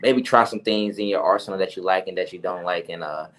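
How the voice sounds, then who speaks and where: A man's voice: sits low, fast, fairly bright tone, slight background noise. A man speaking as an amateur fighter, answering interview questions in a loose, conversational way. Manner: conversational, often adds "you know" and "like".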